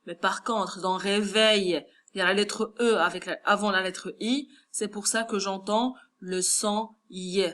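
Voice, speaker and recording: A woman's voice: medium pitch, fairly even intonation, unhurried, few pauses, a bit bright. A woman with a Moroccan French accent, teaching a first-grade class, patiently sounding out words syllable by syllable. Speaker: primary school teacher. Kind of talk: classroom lesson correction.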